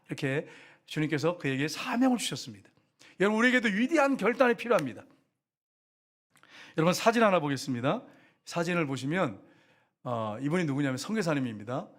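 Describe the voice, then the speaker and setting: A male pastor preaching in a lively storytelling way, voice pitched a little high and swinging widely up and down. He acts out the people in his story and keeps questioning the congregation. His voice jumps up sharply when he retells someone's anger. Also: quick pace. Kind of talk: storytelling sermon. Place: church sanctuary.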